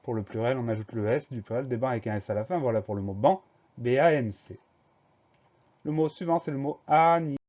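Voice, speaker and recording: Guy teaching kids spelling, spells it all out letter by letter, warm voice, kinda muffled recording. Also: mid-range voice. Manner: slow, spells words letter by letter. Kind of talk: spelling lesson for schoolchildren.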